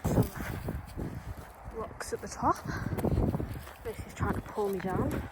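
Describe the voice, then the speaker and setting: A woman's voice: medium pitch, lively intonation, slow, very noisy. A woman chatting casually into her camera for a vlog, rambling with plenty of ums. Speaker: vlogger. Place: outdoors on a walk, then at home.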